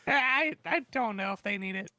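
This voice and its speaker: A man's voice: high voice, sharp tone, dry recording. A man casually improvising as a player in a tabletop role-playing game.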